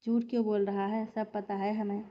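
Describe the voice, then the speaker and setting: Playful, teasing young friend, read by a woman narrator, monotone, slightly muffled. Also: medium pitch, moderate pace, slight background noise, close to an everyday voice. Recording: slightly dull lo-fi recording.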